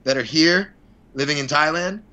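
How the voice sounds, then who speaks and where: Speaking as a podcast guest, this fight promoter rambles casually and offers blunt opinions with occasional mild cursing. His pitch is fairly high and his pace moderate, and the tone is bright and forceful. The audio sounds muffled.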